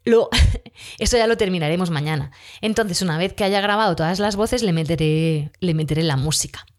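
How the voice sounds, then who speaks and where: A woman's voice: fairly low pitch, fairly quick. A woman teacher with a cough, chatting casually about a class and often correcting herself mid-sentence. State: has a cough. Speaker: school teacher. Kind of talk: casual spoken account of a class.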